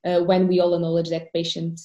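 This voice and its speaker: Woman panelist, low even delivery, echoey home room. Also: highs cut off. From Portugal. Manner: repeats openers, measured. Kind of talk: panel discussion over video call. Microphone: video call.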